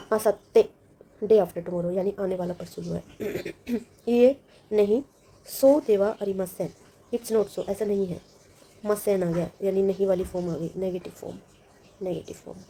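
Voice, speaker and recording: Woman teacher, very dark mellow tone, patient step-by-step explainer, repeats words with meanings. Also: medium pitch, steady tone, measured pace, long pauses, slight background noise. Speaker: language teacher. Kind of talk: lesson walkthrough.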